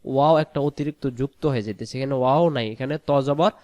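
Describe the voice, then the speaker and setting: A man teaching Quran pronunciation, quickly spelling out letters and vowels, then reciting the words slowly and drawn out. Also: medium pitch, darkish tone, no echo. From Bangladesh. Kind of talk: pronunciation lesson.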